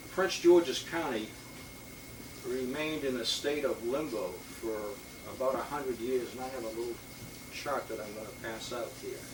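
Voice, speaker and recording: Man rambling through a history talk. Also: mid-range voice. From Boston, Massachusetts. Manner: rambling, many fillers and restarts. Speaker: police lieutenant giving a talk. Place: historic house meeting room. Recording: roomy, distant mic with loud hiss.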